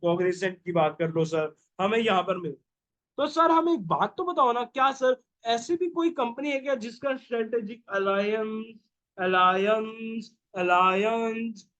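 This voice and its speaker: High-pitched man drilling a revision lecture. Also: a bit bright, lo-fi sound. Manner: rapid call-and-response, asks "yes or no?" and answers himself. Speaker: teacher. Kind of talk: energetic exam revision lecture.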